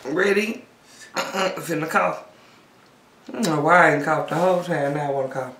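A woman with a low voice hosts a mukbang channel, eating while chatting casually at a moderate pace, relaxed and joking in slangy banter. She's in a small, echoey room, far from the mic.

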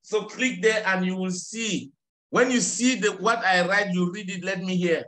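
A middle-aged man teaches English over a video call. His voice sits high and bright, and he takes his time, repeating corrections and slipping into to explain. The call audio sounds roomy. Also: fairly even intonation, moderate pace. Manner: patient, corrects and repeats phrases, switches to French to explain. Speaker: English tutor. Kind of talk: online English lesson. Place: small office with tiled walls. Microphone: webcam on a video call.

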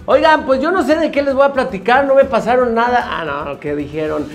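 A man's voice: extremely high pitch, animated, fairly quick, soft background music. A man with a Mexican accent co-hosting a comedy news show, cutting in with slangy wisecracks and gags. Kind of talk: joking casual news banter.

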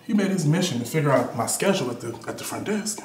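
Talking fast in an animated, high-ish voice, a young man from Detroit, USA, performs live as an artist, telling candid personal stories in a playful, sassy, slangy style. The recording is roomy, captured in a live gallery.

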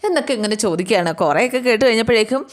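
A woman's voice: a little high, lively intonation, racing. A woman retelling a serial's plot in a chatty, casual storytelling style.

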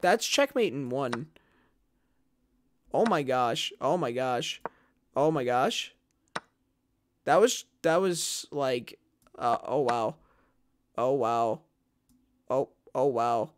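A man streaming live and rambling excitedly at his chat, swinging from loud hype to low muttering. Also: slow pace, pauses often. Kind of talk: live gameplay commentary to chat.

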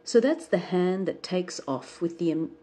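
A jeering village man from a folk tale, mocking in a low, husky voice, as a woman reads him. He sounds crude and amused. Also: animated, a little slow, dark tone.

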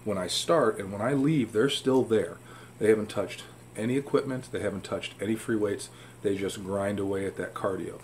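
A man with a fairly low pitch, speaking at normal speed, gives informal, emphatic fitness advice to camera. He's in a room at home with fish tanks, and the recording carries clear room hum and background noise.

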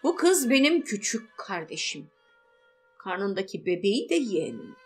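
A woman's voice: medium pitch, big pitch swings, moderate pace, faint music behind, close to an everyday voice. A woman voicing a firm, protective adult man who is the older brother in an audiobook story.

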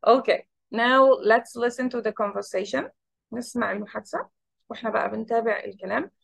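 A woman with an Egyptian Arabic accent teaching English, explaining quickly in Arabic and modelling English phrases slowly and carefully. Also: fairly high pitch, creaky, breathy edge, dry recording. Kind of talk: bilingual English lesson.

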